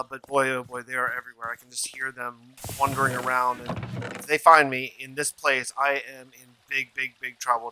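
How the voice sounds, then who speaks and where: A man hosting a gaming video recounts his play as a dramatic first-person story, delivering it theatrically and in character with repeated phrases. His voice is medium-pitched with a sharp tone, and the rough recording has slight background noise.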